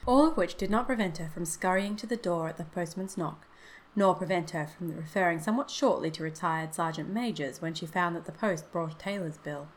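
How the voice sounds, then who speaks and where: A woman narrating a classic story in a steady, expressive reading. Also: fairly low pitch, a little fast, a little hiss or hum, low-quality recording. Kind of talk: scripted narration.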